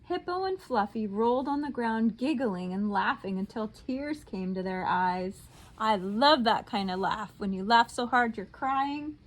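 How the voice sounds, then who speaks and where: Her pitch is fairly high as this teacher reads a picture book to her students. She tells the story slowly and expressively, letting her voice fall soft on the tag lines.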